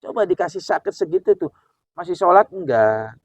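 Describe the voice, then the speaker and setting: A man preaching who tells a story in an animated way, acting out the dialogue as he goes. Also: sits high, moderate pace, no room sound. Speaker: Islamic preacher. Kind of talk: sermon storytelling. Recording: dull, dry recording.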